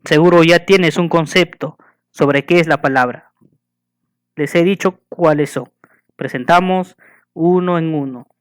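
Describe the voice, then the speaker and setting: A man giving a school lesson, patiently asking the listener questions and slowly spelling and counting things out. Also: a little high, clean tone. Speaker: teacher.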